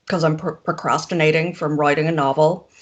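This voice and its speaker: An Irish woman who makes zines guests on a casual video-call interview, rambling and self-deprecating and laughing often between thoughts. Her voice is low, steady and brisk, and the sound is lo-fi.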